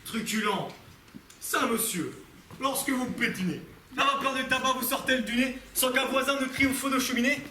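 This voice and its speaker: A man's voice: extremely high pitch, moderate pace, sharp tone. A young man playing a proud, witty, flamboyant swordsman on stage, declaiming verse in a hammy theatrical manner with exaggerated shifts of tone. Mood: bombastic. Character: proud, witty, flamboyant swordsman mocking his own big nose. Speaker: drama student performer. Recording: echoey room with faint noise.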